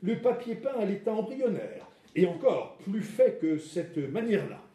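A man reading aloud the part of an excitable, scornful older male academic painter, with huffing exclamations. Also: sits high, moderate pace. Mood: indignant. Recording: roomy hall, mic far off.

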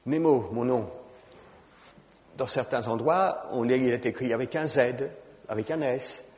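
A man's voice: mid-range voice, unhurried, darkish tone. A man giving an informal lecture on genealogy, talking conversationally and often adding "hein" and fillers. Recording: reverberant lecture hall.

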